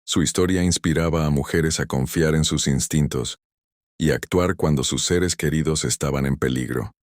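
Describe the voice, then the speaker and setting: In a measured, solemn manner, a man with an extremely low voice narrates a sentimental story. The recording is dry and close, with no echo.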